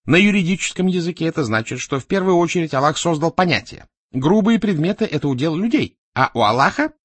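A man reading an audiobook, voicing a scheming middle-aged tycoon in a raised, excitable voice with a husky edge. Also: a little high, fast talker, no echo, voice pushed up. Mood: persuasive.

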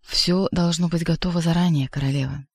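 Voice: medium pitch, steady tone, brisk, dry recording, clean studio sound, natural voice. Figure: a reader putting on a sly demon courtier. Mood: ingratiating. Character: sly fawning male demon courtier, middle-aged. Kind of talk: audiobook reading.

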